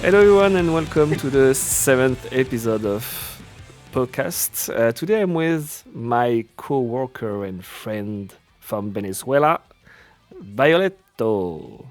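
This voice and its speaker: A man's voice: mid-range voice, expressive, measured pace, darkish tone, faint music behind. A man hosting a casual podcast chat who jokes around, laughs often and restarts his sentences. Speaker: podcast host.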